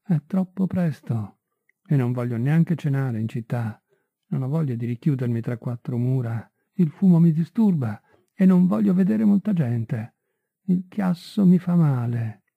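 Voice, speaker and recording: A man voicing a pale, distracted young man who speaks in halting bursts, on a tinny, dry recording. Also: medium pitch, animated, creaky, dry recording. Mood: distracted, tense.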